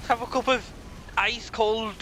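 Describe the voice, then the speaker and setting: A man's voice: very high voice, fairly even intonation, measured pace, sharp tone, slight background noise, rough recording. A man joking and teasing playfully while playing a game with a friend on stream. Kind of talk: casual gaming stream chat.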